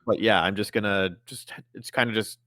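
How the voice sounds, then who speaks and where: A man's voice: lowish voice, steady tone, moderate pace, bright, forceful tone, no echo, studio quality. A man playing a tabletop game, explaining his moves in a rambling way with lots of fillers. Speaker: player.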